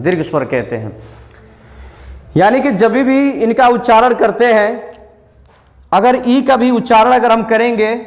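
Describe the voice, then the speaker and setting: A male Hindi coaching teacher from Uttar Pradesh with a fairly high voice, teaching a grammar lesson. He asks his own questions, answers them, and goes over each point again and again. The sound carries a long reverb, as if recorded in a hall.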